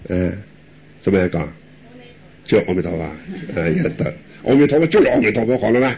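An older male monk gives a teaching in a lively, swooping voice that rises and falls a lot. He chuckles and poses rhetorical questions in a homely way. The recording is dull and lo-fi. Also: lowish voice, a little fast, gravelly, crowd noise. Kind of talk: dharma talk answering questions.

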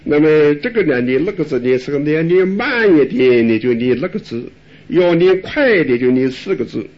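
A man's voice: on the high side, expressive, a little fast. An older man, a Buddhist monk, giving a folksy dharma talk, answering questions with rhetorical questions and chuckles. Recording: dull lo-fi recording.

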